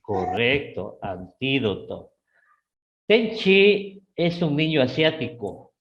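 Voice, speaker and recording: A middle-aged man with an Ecuadorian Spanish accent teaching a live class, often checking in with his students and rising sharply in pitch on key words. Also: measured pace, dull audio. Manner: repeats "¿sí?" and "¿no es cierto?" to check on students; lively, with sudden rises in pitch.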